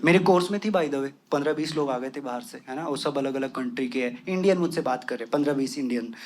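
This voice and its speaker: A man's voice: mid-range voice, quick pace, noisy background. A young man doing stand-up comedy with a western Uttar Pradesh accent, crude and full of swearing, mixing English into his talk. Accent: western Uttar Pradesh Hindi. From western Uttar Pradesh, India. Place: comedy stage with a laughing audience.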